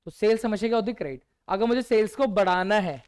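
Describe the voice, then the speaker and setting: Smooth-voiced male teacher quizzing students. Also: high voice, fast talker. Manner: quizzes students with constant rhetorical questions; drops to quiet one-word answers. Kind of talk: revision lecture to students.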